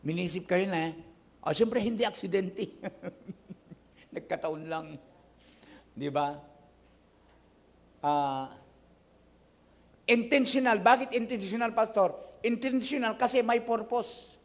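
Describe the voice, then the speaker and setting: Man, Filipino accent, pastor, sermon, high-pitched, questions the congregation. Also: takes it slowly, long pauses. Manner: addresses the congregation often, asks questions and gives its replies; rises from quiet, low delivery to loud, high, emphatic preaching. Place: church service.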